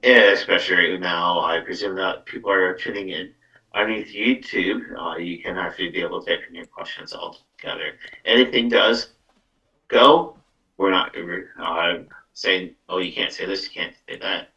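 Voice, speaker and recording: A man hosts a casual live card-reading show on an online stream as a psychic medium podcaster, rambling and leaning on fillers like "actually" and "though." His low, creaky voice has a sharp tone and a moderate pace. The mic sounds muffled and distant.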